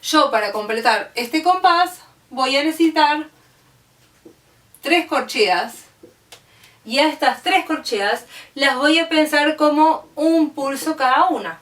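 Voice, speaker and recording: A woman's voice: high voice, slow, a bit bright. A woman with an Argentine accent teaching music, explaining step by step and checking in with her students. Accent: Argentine Spanish. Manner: patient, step by step, checks understanding with "¿sí?". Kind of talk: classroom explanation. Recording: roomy, distant mic.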